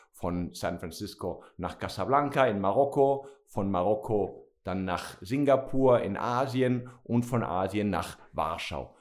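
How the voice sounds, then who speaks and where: A man's voice: lowish voice, darkish tone. A middle-aged man from Spain, a company CEO, answering interview questions with many fillers and restarts. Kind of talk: interview conversation.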